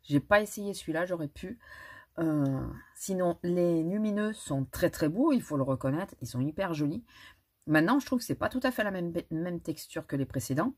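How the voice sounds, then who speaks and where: Woman, low voice, husky, chatty, hesitant, restarts often, casual makeup vlog at home. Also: expressive, normal speed. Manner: chatty, hesitant, many restarts and little laughs. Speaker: beauty vlogger.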